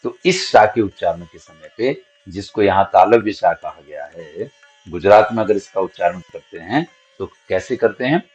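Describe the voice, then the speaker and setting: A man teaching Sanskrit grammar, patiently explaining and sounding out each syllable slowly as an example. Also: low voice, lively intonation, darkish tone. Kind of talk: spoken grammar lesson. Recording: dull lo-fi audio with faint background music.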